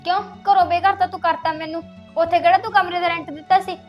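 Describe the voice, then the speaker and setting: A woman's voice: very high-pitched, steady tone, fast talker, lo-fi sound, faint music behind. An actress playing a defiant young woman in a Punjabi village drama, taunting and threatening to expose her secret husband. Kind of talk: rural village drama acting.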